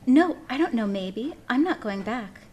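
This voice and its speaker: A woman's voice: a little high, expressive, a little slow, a little mellow, a little hiss or hum. A woman reading aloud, voicing a frightened but defiant young woman in a storybook tale.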